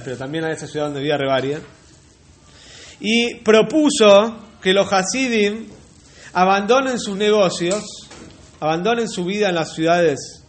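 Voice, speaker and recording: A man telling a religious folk tale unhurriedly, repeating words and turning to his listeners with asides. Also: high voice. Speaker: storyteller.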